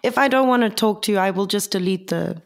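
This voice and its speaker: A woman with a husky voice, a podcast guest talking frankly and laughing easily. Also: mid-range voice, fast talker. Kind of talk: casual interview chat.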